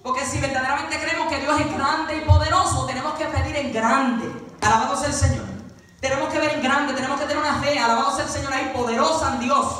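A man's voice: very high voice, a bit bright, a little hiss or hum. A man preaching a sermon at a youth vigil in a church, fervent, breaking off with repeated praise refrains between points. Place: church sanctuary. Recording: very echoey church from far off, congregation audible.

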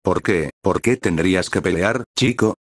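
A man reading aloud as a protective, gruff older brother who reassures in a plain way. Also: low voice, moderate pace, no echo, clean studio sound. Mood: reassuring. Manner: reassuring, turns snappish.

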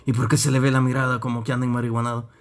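A man's voice: mid-range voice, level tone, rapid-fire, close to an everyday voice. A man playing a show host who teases and scolds his guests. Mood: mocking. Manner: teasing, mock-stern emcee. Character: gruff mocking male show host.

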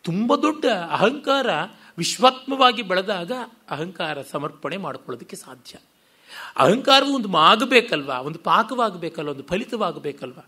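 A middle-aged man with a Kannada accent gives a scholarly lecture. His voice sits high and swings widely, rising on rhetorical questions and sinking low to make a point. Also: moderate pace, husky. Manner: animated, rhetorical questions, sweeping pitch. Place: lecture hall.

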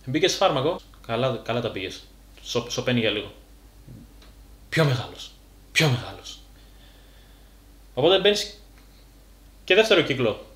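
A man's voice: medium pitch, fairly bright tone. Blunt, slangy man in a roomy space. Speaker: fitness YouTuber. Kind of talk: casual direct-to-camera monologue.

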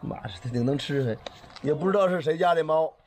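A man's voice: a little high, quick pace, a little mellow, a little hiss or hum. A man with a Northeastern Chinese accent chatting casually and playfully outdoors while filming on a phone. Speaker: pet vlogger filming cats. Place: outdoors at a house doorway.

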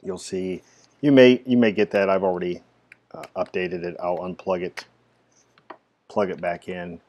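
A man narrating a casual screen-recorded software tutorial, explaining each step with frequent "uh" fillers. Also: deep voice, steady tone, a little slow. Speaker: tech tutorial presenter.

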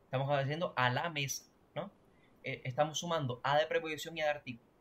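Guy teaching a grammar lesson online, fairly high voice, keeps asking if you get it. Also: steady tone, quick pace, a bit bright. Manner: explanatory, checks understanding often. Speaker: Portuguese teacher.

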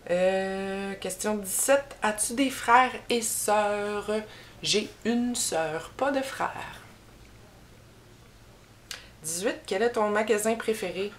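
A young adult YouTuber with a Québécois French accent answers tag questions to camera, relaxed and wandering, with lots of filler pauses. Her voice is mid-range, and slight background noise is present. She's from Quebec and sits in a small room, a bookshelf behind her, framed head-and-shoulders from the front.

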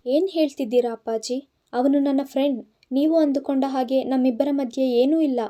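A woman's voice: high-pitched, moderate pace, dark tone, natural voice. A woman voicing a young woman student who pleads tearfully with her father. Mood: tearful pleading.

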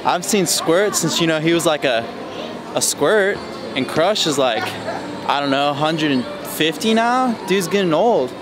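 A man's voice: on the high side, lively intonation, a little slow, music in the background. A young man in his twenties talking laid-back and slangy to a handheld camera while hiking and at the beach. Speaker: travel vlogger. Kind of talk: casual travel vlog. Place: outdoors on a hiking trail and beach. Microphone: handheld action camera at arm's length.

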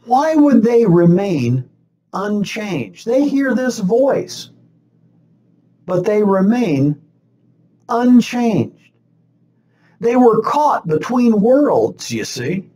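Slow, lively-pitched older man preaching. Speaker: pastor. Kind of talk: sermon. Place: small chapel set with stained-glass backdrop, indoors. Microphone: webcam facing him at desk distance.

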